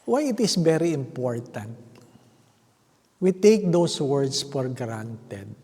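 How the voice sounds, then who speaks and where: Slow-preaching Filipino priest in reverberant church. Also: male voice, medium pitch, sing-song, dark tone, slightly rough. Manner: storytelling, mixes Tagalog and English, checks in with the congregation. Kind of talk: homily. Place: large stone church.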